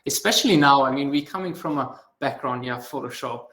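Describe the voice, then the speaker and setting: A man's voice: medium pitch, fairly quick, fairly bright tone. A man moderating a casual online panel discussion, asking questions in a friendly, hesitant way and often repeating his words. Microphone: video call.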